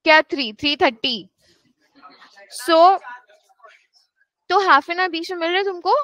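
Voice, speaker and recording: High, bright-voiced woman tutor lecturing slowly. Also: no echo. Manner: firm, scolding asides to students. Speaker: actuarial exam tutor. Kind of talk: classroom lecture mixing Hindi and English. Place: classroom.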